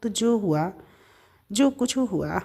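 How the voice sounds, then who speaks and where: A woman voicing a young woman friend who coos and pleads, then turns touchy and quick-tempered. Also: mid-range voice, animated, vocal fry, dark tone, husky, full character voice. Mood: petulant. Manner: cooing baby talk turning petulant.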